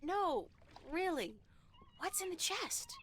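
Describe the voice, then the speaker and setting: A woman's voice: very high-pitched, expressive, slow pace, a bit bright, heavily acted. A woman playing an inquisitive, polite young adventurer in a video game, earnest and full of questions.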